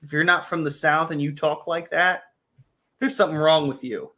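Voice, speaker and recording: A man's voice: fairly high pitch, fairly even intonation, moderate pace, bright, forceful tone. A young man, a guest on a late-night stream, talking bluntly and sarcastically with strong opinions. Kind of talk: casual late-night chat.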